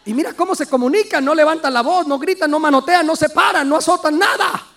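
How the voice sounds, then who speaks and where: High-voiced preaching man. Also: quick pace. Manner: emphatic, quizzes the congregation with call-and-response questions; acts out little everyday dialogues, occasional shouted emphasis. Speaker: pastor. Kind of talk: sermon.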